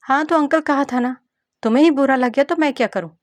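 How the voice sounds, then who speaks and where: A woman's voice: fairly quick, no room sound, natural voice. Woman putting on a bratty ten-year-old girl. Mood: bratty whining. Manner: shrill, whiny, demanding.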